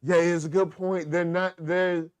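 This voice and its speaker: A man with a slightly high voice talks in a loose, animated way, laughing often and slipping into quick impressions of characters. The sound is dry and close, with no room around it. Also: clean tone, no room sound. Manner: animated, laughing, acts out quotes. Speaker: podcast host. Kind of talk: casual chat reviewing a TV episode.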